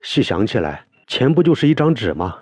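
A deep-voiced man reading a novel aloud, voicing a young man who is choked with tears and speaks in halting, broken phrases. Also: very animated, mellow, no echo. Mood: tearful. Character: young man, weeping, torn up over family.

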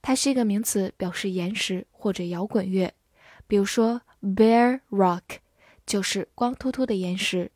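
Woman, Mandarin Chinese native, English vocabulary teacher. Slow, patient delivery, spells words out. Dry, close sound. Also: mid-range voice, darkish tone, dry recording. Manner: spells words letter by letter and repeats sentences slowly. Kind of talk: slow, clear vocabulary lesson.

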